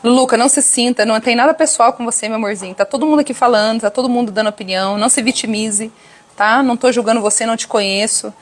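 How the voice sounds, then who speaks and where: Brazilian lady preaching to the girls on a live stream, animated, slightly high voice, talks right at her viewers. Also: fast talker. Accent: Brazilian Portuguese. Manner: animated, addresses viewers directly, acts out quoted voices.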